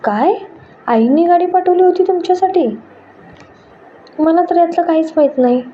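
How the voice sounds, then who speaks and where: A woman voicing an emotional, excitable young newlywed bride who talks in a lively, surprised way. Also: high voice, a little slow. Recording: dull lo-fi with faint noise.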